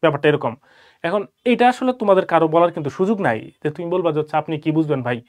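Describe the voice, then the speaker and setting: Young man, quick delivery, slightly high voice, chatty mentor, keeps asking "okay?". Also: animated. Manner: conversational, keeps checking in with "okay?". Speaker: medical student mentoring admission candidates. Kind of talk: live session advice talk.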